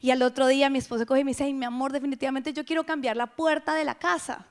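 A middle-aged woman giving an animated personal testimony to a women's gathering, dropping now and then to hushed whispers. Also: sits high, fast.

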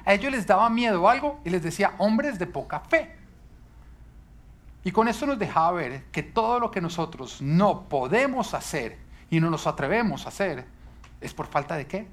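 A man's voice: sits high, expressive, brisk, a bit bright. A male pastor preaching a sermon, emphatic and full of rhetorical questions.

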